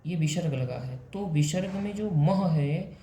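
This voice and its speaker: A fairly high-voiced man with a mellow, dark tone teaches a lesson step by step. He checks in with his listeners often and sometimes stops to correct himself. His voice sounds roomy and echoey, over a faint background hum. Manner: explains step by step with frequent "ठीक है" check-ins; self-correcting, drawn-out examples. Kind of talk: explanatory lesson on poetic meter.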